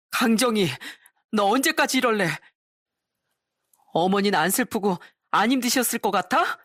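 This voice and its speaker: A woman's voice: on the high side, fairly bright tone, no room sound, studio quality, pitched above the performer's own voice. A woman voicing a dutiful young man who pleads with and scolds his younger sister in a storybook drama. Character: earnest dutiful young man, protective older brother.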